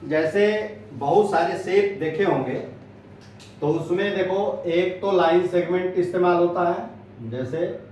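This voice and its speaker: A man teaching a school maths lesson, speaking slowly with many pauses as he points things out on the board. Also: sits high, darkish tone, slight background noise. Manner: slow, pausing, points while explaining. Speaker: maths tutor. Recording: echoey, distant, dull lo-fi sound.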